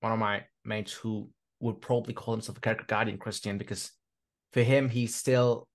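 A man hosting a podcast interview, asking his question with pauses and fillers. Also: on the low side, fairly even intonation. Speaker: podcast host.

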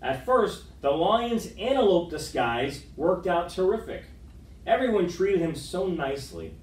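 Reading a picture book to children, a middle-aged man tells the story dramatically and expressively, his high voice moving a little slowly. The camera capturing him sits far off in an indoor school room with wood-panelled walls, giving the audio a distant, roomy quality.

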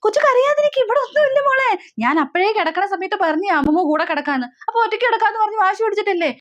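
A woman's voice: extremely high pitch, animated, racing, muffled recording, pitched above the performer's own voice. A woman voicing an old grandmother who fusses over and coaxes a frightened child in a comic family skit. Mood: soothing. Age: older. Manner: coaxing, fussing. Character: fussing soothing old grandmother.

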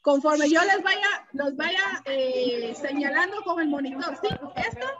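A woman's voice: high-pitched, expressive, a little slow, muffled recording, a loud crowd. A woman teacher giving an online lesson to a class, patiently explaining and asking the students questions. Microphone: computer mic on a video call.

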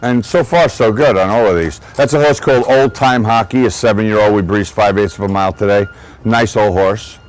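A man's voice: lowish voice, brisk, rough recording. A man, a racehorse trainer giving a guided barn tour outdoors, chatty and digressive, often restarting his sentences. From Long Island, New York. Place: outdoor horse barn shed row.

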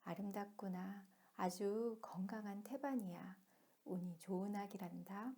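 Woman voicing a calm, mellow storybook midwife. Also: mid-range voice, unhurried, slightly rough. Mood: calm, pleased. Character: kindly adult woman midwife, calm and reassuring. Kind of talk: picture-book reading to a toddler.

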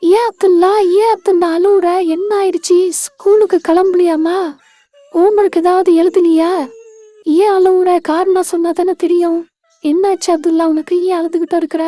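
Woman doing a bossy older sister, scolding, loud, high, warm tone. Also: fairly even intonation, normal speed, no room sound, faint music behind. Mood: concerned.

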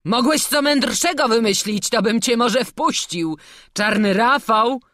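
A narrator voicing an angry, mocking gate guard in an audiobook, scornful and shouting. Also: mid-range voice, a little slow, no room sound, clean studio sound, voice pushed up, close to an everyday voice.

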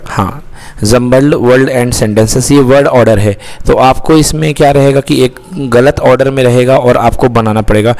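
A man's voice: medium pitch, normal speed, hardly any pauses, darkish tone. A man teaching an English lesson in Hindi mixed with English, who keeps asking questions and answering them himself. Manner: asks questions and answers them himself, calls listeners beta. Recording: long reverb.

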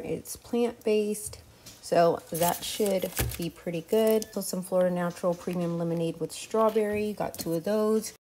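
A chatty woman in her thirties talks casually to her viewers and calls them y'all. Her voice sits fairly low. She films herself at arm's length around her house, with faint noise behind. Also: mellow. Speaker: lifestyle vlogger. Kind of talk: casual vlog chat to camera. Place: home kitchen and garage, indoors. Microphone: camera held at arm's length.

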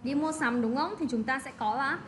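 Woman teacher with noisy background. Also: sits high. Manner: repeats words slowly and checks understanding. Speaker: English teacher. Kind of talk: classroom lesson explaining vocabulary.

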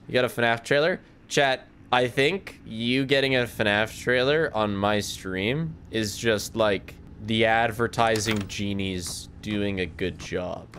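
A man's voice: medium pitch, a bit bright, a little hiss or hum. A man streaming a video game, commenting casually, joking with chat and laughing often.

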